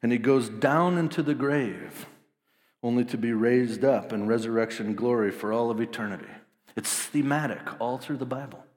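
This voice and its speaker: A man in his thirties preaching a sermon as pastor, animated, acting out the voices of the people in the story. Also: medium pitch, moderate pace, long reverb tail. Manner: animated, acts out voices of disciples.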